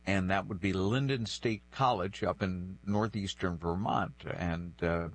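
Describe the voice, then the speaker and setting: Speaking at a measured pace with a deep voice and fairly even intonation, this man in his sixties recounts personal stories thoughtfully during a conversational interview. He is from New Bedford in the northeastern US, and French is his native language.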